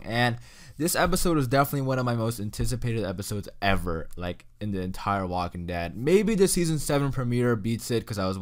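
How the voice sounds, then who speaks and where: A young man giving a casual, enthusiastic ranking commentary, full of "you know" and "like.". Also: medium pitch. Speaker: YouTube reviewer.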